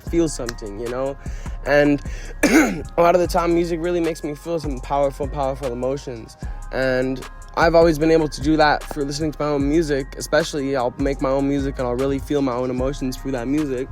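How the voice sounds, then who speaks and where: This young Quebec musician, whose first language is French, rambles through an interview in slangy, casual talk packed with fillers and restarts. His voice sits at a medium pitch with a slightly mellow quality.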